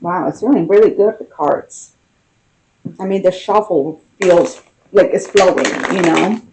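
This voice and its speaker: A woman giving an intimate tarot reading in a casual, conversational manner, with unhurried, drawn-out emphasis and a mellow, soft-edged voice. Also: on the low side, noisy background. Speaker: tarot card reader.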